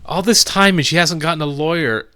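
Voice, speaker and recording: A man's voice: fairly high pitch, fairly quick, pushed and bright, clean tone, no room sound. A man giving casual, engaged, exclamatory commentary as a reaction video host.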